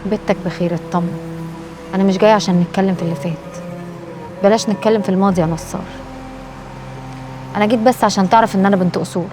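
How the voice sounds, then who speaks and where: A woman's voice: mid-range voice, fairly even intonation, very fast, long pauses, over music, lightly acted. An actress playing a proud, reproachful woman with an Egyptian Arabic accent, teasing dryly. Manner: chiding, dry teasing. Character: proud woman back from supposed death, reproachful.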